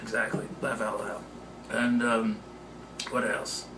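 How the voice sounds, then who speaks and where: A man's voice: lowish voice, level tone, slow, fairly bright tone, slight background noise. A man, an author being interviewed, talking in a meandering, profane and self-mocking way. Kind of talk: casual rambling interview talk. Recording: roomy echoey room.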